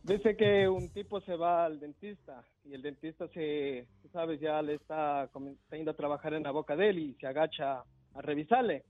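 A man's voice: on the high side, moderate pace, darkish tone, dry recording. Male caller on a tinny phone line. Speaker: caller telling a joke. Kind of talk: telling a joke over the phone. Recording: tinny dry phone line with faint music.

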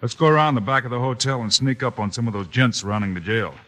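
Man playing western lawman, calm, firm, bright voice, light hiss. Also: mid-range voice, fast talker, close to an everyday voice. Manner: calm, commanding. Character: steady heroic U.S. marshal, grown man. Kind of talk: 1950s radio western acting.

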